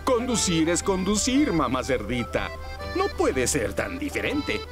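A man's voice: on the high side, wildly swooping pitch, measured pace, music in the background. A man voicing a jovial, self-assured father pig in a children's cartoon.

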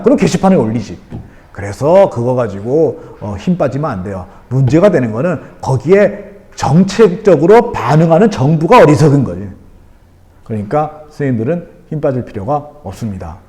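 A middle-aged man talks bluntly to his audience in casual spoken commentary, firing off rhetorical questions. His voice sits high for a man, with a mellow, dark tone, and it swoops up and down a lot. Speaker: teacher and channel host.

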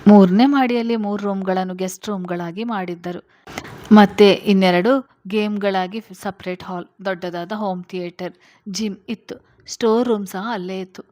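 A woman storyteller reading a serialized family novel aloud with steady, expressive narration. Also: mid-range voice, moderate pace.

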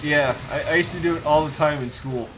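Brief: male co-streamer, slightly high voice, playful banter, faint game music. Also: fairly quick. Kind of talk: casual gaming chat.

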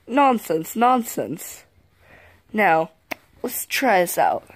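A woman's voice: mid-range voice, very animated, very slow, slight background noise. A woman doing a dismissive, oblivious Mario. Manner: dismissive, blunt. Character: oblivious, bossy male plumber. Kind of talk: amateur parody voice acting.

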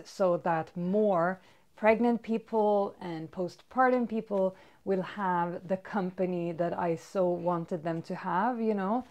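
The speaker, a fitness vlogger from Sweden in her thirties, has a Swedish accent and a medium-pitched, slightly mellow voice. She chats casually and upbeat with lots of fillers, recorded by a far camera in an indoor bedroom with toys.

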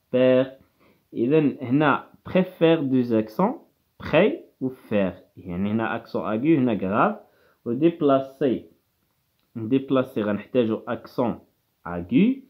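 Moroccan man, teacher explaining a lesson, mid-pitched, heard over a tinny phone-like line. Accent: Moroccan Arabic. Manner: explains patiently, sounding words out syllable by syllable.

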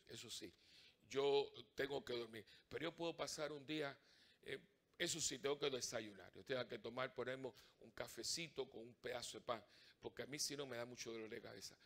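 A middle-aged male priest giving a conversational Sunday homily in church. He is animated and humorous, acting out little dialogues and asking the congregation questions. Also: medium pitch, creaky.

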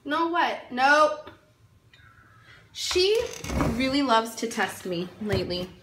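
Her voice sits high with a sing-song quality and a slow pace, and there's noise behind her. She's a mom vlogger in her thirties, rambling casually with lots of "um"s and "like"s to a phone selfie camera at arm's length in her tiled living room.

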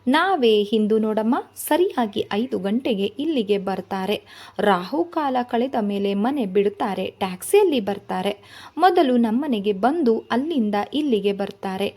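A woman's voice: medium pitch, animated, unhurried, warm tone. A woman reading aloud voices a talkative middle-aged family friend, a man busy with wedding arrangements.

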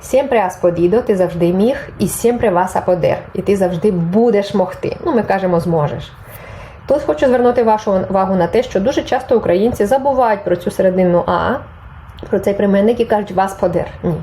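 A woman's voice: medium pitch, brisk, warm tone, slight background noise, poor audio. A woman teaching a Spanish grammar lesson, patiently explaining and reading example phrases aloud, then translating them. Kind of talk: online language lesson.

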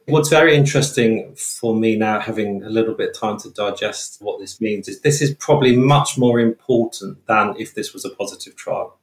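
A British trauma researcher, his voice on the low side, lays out his findings in an interview. He speaks in a measured, technical manner, and the audio has a roomy sound.

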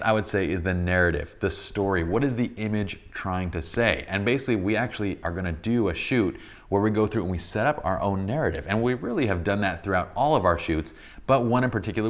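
A photography instructor in his thirties talks fast, his deep voice a bit tired from a long day, as he explains photography basics in a casual tutorial. He's enthusiastic, piling on examples and restarts, in a bright indoor studio set with a sofa.

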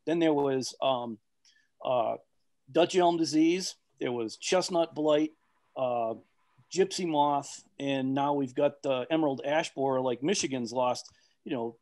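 Male panelist, mid-pitched, thinks aloud with lots of ums and restarts, video-call audio. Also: unhurried, a little mellow. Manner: rambling, many fillers and restarts. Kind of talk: online expert panel talk.

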